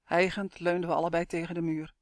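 A steady, measured audiobook narrator telling a first-person suspense story at a middle pitch. The voice sits close to the microphone in a dry, dead room with no echo.

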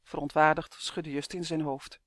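A narrator reading a children's fantasy story in a steady, measured way. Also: mid-range voice, no echo, studio quality. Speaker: audiobook narrator.

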